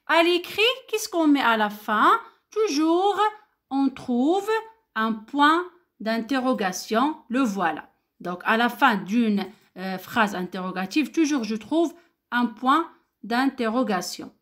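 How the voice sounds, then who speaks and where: A primary school teacher with a Moroccan French accent teaches young pupils a grammar lesson, slow and patient, repeating key words. Her voice is on the high side, animated and a bit bright, rising on the example questions.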